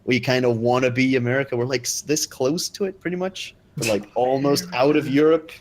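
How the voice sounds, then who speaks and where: A man's voice: medium pitch, fairly even intonation, fairly quick, a little hiss or hum. Rambling Icelandic-born man chatting. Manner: rambling, self-deprecating, filler-heavy. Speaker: podcast guest. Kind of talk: casual chat.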